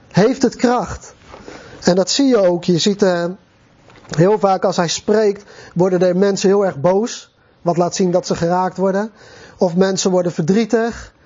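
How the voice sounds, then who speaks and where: A man preaching a sermon to his congregation in a conversational way, with pauses and fillers, on a dull lo-fi recording. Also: high voice, dark tone.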